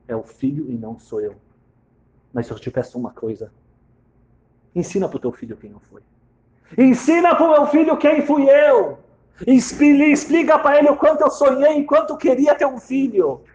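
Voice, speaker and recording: A man voicing a young wife in childbirth, pleading softly for her child's life. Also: muffled recording, lightly acted. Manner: soft, pleading, breaking between hushed and high.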